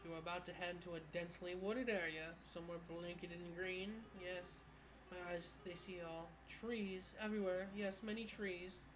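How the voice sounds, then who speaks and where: A theatrical fortune teller from a video game, acted out by a player, speaks with creepy self-assurance. The delivery is mystical and portentous, at a medium pitch, over clearly audible noise. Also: little pitch movement, moderate pace, lightly acted.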